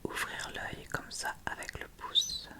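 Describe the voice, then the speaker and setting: A woman who hosts and creates ASMR videos whispers a casual makeup tutorial in a breathy, unvoiced voice. She talks to the viewer informally and somewhat hesitantly, at a slow pace. Her tone is bright and forceful.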